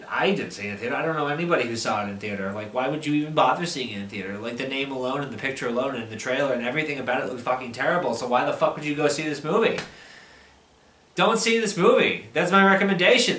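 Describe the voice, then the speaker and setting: A man's voice: medium pitch, very fast, few pauses, fairly bright tone. A man giving an angry, drunken, rambling movie review, exasperated and swearing heavily as he loses his thread. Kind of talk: ranting film review. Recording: roomy, echoing voice recording.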